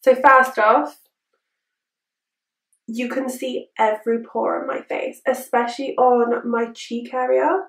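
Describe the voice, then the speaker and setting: A young woman talks in a perky, fairly high voice, like a beauty vlogger giving a casual review. Her manner is chirpy and informal. The room adds a noticeable echo around her words. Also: steady tone, slow pace, recorded from a distance. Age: young adult. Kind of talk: casual chat to camera, product review. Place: small room indoors. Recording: roomy indoor echo.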